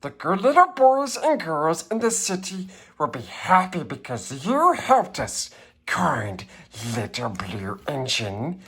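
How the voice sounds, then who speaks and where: High raspy pleading toys. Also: male voice, very animated, slow, fairly bright tone, heavily acted. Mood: jubilant. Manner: whining, theatrical pleading. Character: small pleading toy clown and dolls, excitable, needy.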